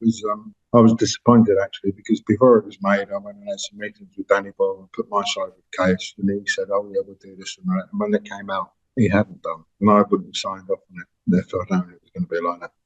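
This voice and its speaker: A man's voice: fairly low pitch, level tone, fast, few pauses. A man in his sixties, a musician being interviewed, telling stories in a rambling way and often correcting himself mid-sentence. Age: 60s. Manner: rambling, self-correcting storyteller. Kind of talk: casual anecdotal chat. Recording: dull lo-fi sound.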